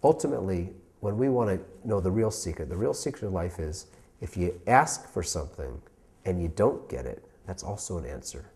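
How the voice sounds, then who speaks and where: A man's voice: low voice, expressive, normal speed, a little mellow. A man, a rabbi, giving an inspirational talk, telling stories and asking emphatic rhetorical questions.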